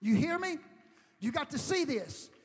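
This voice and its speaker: A young man preaching, his very high voice rising and falling in a chanted cadence. He often slips into quick, low-key asides to the congregation. The long reverb of a church hall trails every phrase. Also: very animated. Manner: shifts into fast, low, conversational asides. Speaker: pastor. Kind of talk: sermon.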